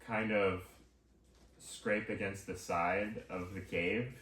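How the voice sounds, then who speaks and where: Low-voiced guy gm-ing a tabletop game, slow and halting, roomy far-off mic. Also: steady tone, fairly bright tone. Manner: slow, halting narration with many ums. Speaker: game master. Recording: roomy, distant mic with faint hiss.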